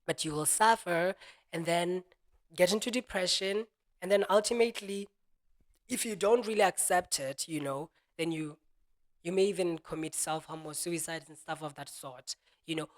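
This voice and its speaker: A man's voice: sits high, moderate pace. Man musing, peppered with "you know". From Botswana. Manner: leans on "you know", acts out imagined voices in quotes. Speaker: self-help speaker. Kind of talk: reflective spoken monologue.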